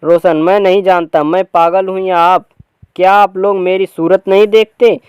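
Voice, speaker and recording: A man's voice: sits high, steady tone, moderate pace, clear, resonant tone, no room sound, close to an everyday voice. A man reading a grieving, bitter young husband. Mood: exasperated. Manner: outbursts of shouting between tired lines. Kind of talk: reading a play aloud.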